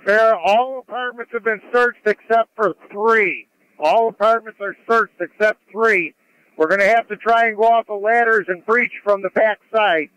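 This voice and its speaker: High, clear male fire officer on radio. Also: fairly even intonation, moderate pace, fairly bright tone, lo-fi sound. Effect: two-way radio. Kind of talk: fireground radio reports. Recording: dry scanner radio transmission.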